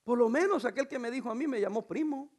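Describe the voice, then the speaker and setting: A middle-aged man preaching a sermon as pastor, animated, asking the congregation rhetorical questions and mixing in humor. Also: very high voice, fast.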